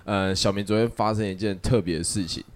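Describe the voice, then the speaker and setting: A man hosting a casual chat podcast, telling stories in an animated way and laughing often. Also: fairly low pitch, brisk. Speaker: podcast host.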